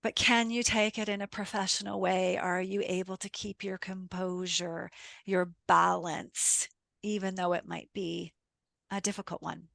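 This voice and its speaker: A middle-aged woman coach talks at an unhurried pace, her voice carrying some fry. She poses reflective questions to listeners and recounts stories from coaching sessions, recorded close and dry. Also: fairly low pitch, little pitch movement, a bit bright, no echo. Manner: reflective, rhetorical questions, retells client stories. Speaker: communication coach. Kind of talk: podcast talk with listeners.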